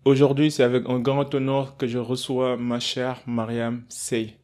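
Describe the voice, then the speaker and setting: A male podcast host speaks in a mid-pitched, steady voice. His delivery is flat and unhurried as he asks questions in a relaxed, chatty way. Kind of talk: casual interview talk.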